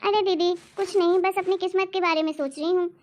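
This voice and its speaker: A woman's voice: very high voice, steady tone, a little fast, darkish tone. A woman voicing a worried, newly married young bride in a cartoon story, complaining anxiously to herself.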